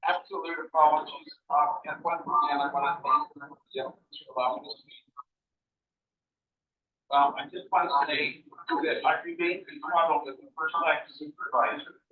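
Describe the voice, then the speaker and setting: A county supervisor, a man, calling into a board meeting and giving a halting, rambling formal statement heard through a phone on speakerphone. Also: on the high side, steady tone. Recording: tinny phone line on a speaker in an echoey room from far off.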